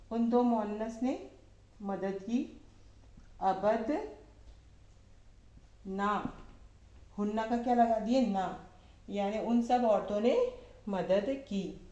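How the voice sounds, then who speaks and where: A woman teaching Arabic verb forms to a class of women, asking questions and answering them herself, repeating each form slowly. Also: medium pitch, warm tone, echoey room, dull audio. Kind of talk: slow classroom lesson.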